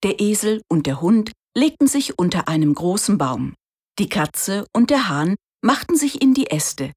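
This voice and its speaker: A woman narrating a fairy tale from a script in a slow, expressive storytelling manner. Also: mid-range voice, husky.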